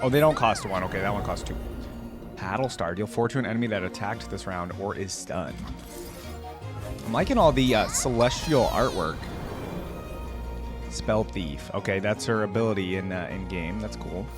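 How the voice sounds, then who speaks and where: A video host with a lowish voice reacts enthusiastically, speaking at a moderate pace with long pauses. He chats with his viewers in a casual, conversational way and calls them "guys." Music can be heard behind his voice.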